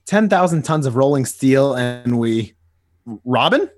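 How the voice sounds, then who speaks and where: A man's voice: mid-range voice, expressive, unhurried, lightly acted. A man voicing Nightwing, a cocky young male hero who teases his younger partner, in a dramatic comic reading. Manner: teasing, easygoing big-brother banter.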